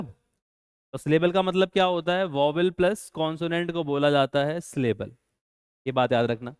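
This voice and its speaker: Smooth-voiced teacher, questioning. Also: male voice, a little high, no echo, clean studio sound. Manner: asks students rhetorical questions, repeats key points. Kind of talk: classroom-style grammar lesson.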